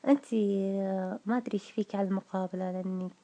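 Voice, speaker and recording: Coy young Saudi woman, voiced by a man doing a woman's voice, Gulf accent, mellow tone, evasive and halting, telephone audio. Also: high-pitched, fairly even intonation, close to an everyday voice. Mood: explaining, defensive. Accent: Gulf Saudi Arabic. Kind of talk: prank phone chat.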